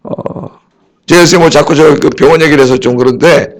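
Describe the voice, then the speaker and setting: A middle-aged male pastor preaching a sermon, telling stories in an animated way that swings from loud emphasis to hushed asides. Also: on the high side, normal speed.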